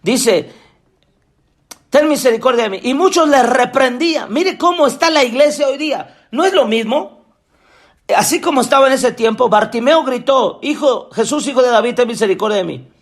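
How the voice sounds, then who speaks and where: Predicador de voz muy aguda y apasionada. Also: male voice, very high voice, lively intonation. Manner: impassioned, preaching with rising shouts and drawn-out phrases. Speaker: apostle preacher. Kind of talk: sermon.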